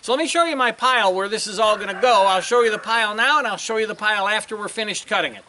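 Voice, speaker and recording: A man's voice: sits high, quick pace, bright, forceful tone, slight background noise. An older man talking casually and folksily while working outdoors on a ranch, a bit out of breath, with roosters crowing behind. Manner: rambling, folksy, restarts often. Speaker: vlogger.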